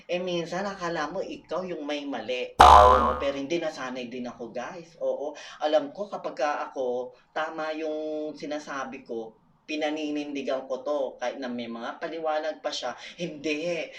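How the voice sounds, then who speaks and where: A Filipino woman with a Filipino accent and a low, animated voice chats casually with her vlog viewers at a moderate pace, laughing often and calling out to them. She is far from the mic, and the background is noisy.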